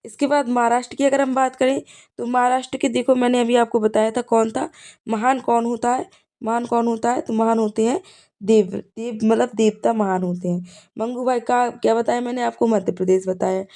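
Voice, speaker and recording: A woman's voice: a little high, steady tone, brisk, dark tone. A woman teacher giving an exam revision lesson, teaching memory tricks and often checking in with the listener as she repeats key points. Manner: repetitive, checks in with "ठीक है".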